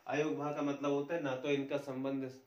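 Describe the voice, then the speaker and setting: A man teaching a grammar lesson, explaining slowly and restating each point. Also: medium pitch, little pitch movement, darkish tone, echoey room, far from the mic, muffled recording.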